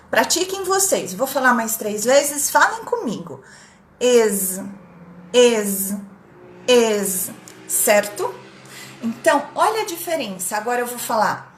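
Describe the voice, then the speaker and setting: A woman's voice: a little high, roomy sound. A Brazilian woman teaching English in a live online lesson, drilling pronunciation by repeating words and reading out viewer comments. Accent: Brazilian Portuguese. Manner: reads out chat comments from viewers. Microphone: computer mic on a live stream.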